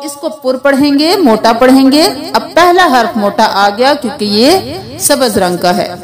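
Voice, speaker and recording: A woman teaching a slow Quran reading lesson, explaining each letter patiently and drawing out the letter sounds for learners to repeat. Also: high-pitched, expressive. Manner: patient step-by-step instruction.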